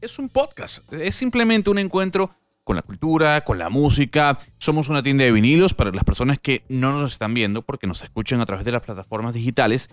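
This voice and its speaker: A man's voice: mid-range voice, lively intonation, a little fast, dry recording. A man hosting a podcast interview from a record shop, talking in a conversational way.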